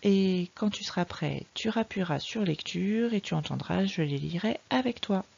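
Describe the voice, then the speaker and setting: A woman teacher giving a patient, slow, explanatory reading lesson to a young child. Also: medium pitch, expressive, creaky, a little mellow, dull audio. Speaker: primary school teacher.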